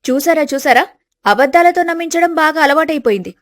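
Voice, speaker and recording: A woman voicing a scheming, arrogant elder daughter-in-law in an animated story, talking in an accusing, self-righteous way. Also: high voice, a little fast, pitched above the performer's own voice.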